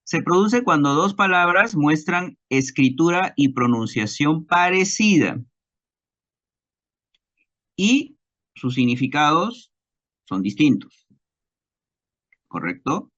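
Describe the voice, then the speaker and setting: A man with a Peruvian Spanish accent teaching a recorded class lecture, slow and deliberate, repeating examples and checking understanding with tag questions. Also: fairly high pitch, expressive, sharp tone, lo-fi sound.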